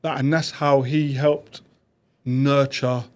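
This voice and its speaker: A man, a podcast guest telling stories about his past in quick, animated bursts. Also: medium pitch. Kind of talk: reflective conversational storytelling.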